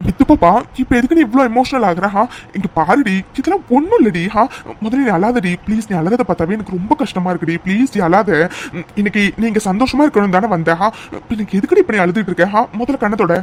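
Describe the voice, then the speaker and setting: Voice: mid-range voice, animated, quick pace, a little mellow, slight background noise, natural voice. A voice actor playing an affectionate young man in a cartoon love story, coaxing and pleading with his fiancée to stop crying. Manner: coaxing, pleading and playfully bossy. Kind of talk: cartoon voice acting.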